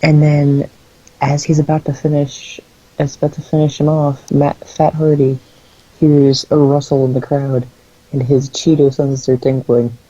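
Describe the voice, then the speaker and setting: A man's voice: fairly high pitch, flat delivery, measured pace, warm tone, no echo. A man co-hosting a podcast, recapping in casual comedic chat, rambling with crude jokes and lots of fillers. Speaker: podcast co-host. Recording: dull lo-fi sound.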